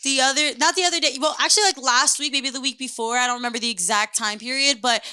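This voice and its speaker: A woman's voice: high voice, fast talker, sharp tone, clear, resonant tone, dry recording. A young woman co-hosting a casual podcast chat, telling stories with lots of swearing and emphasis. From New Jersey. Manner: profane, storytelling, emphatic. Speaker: podcast co-host.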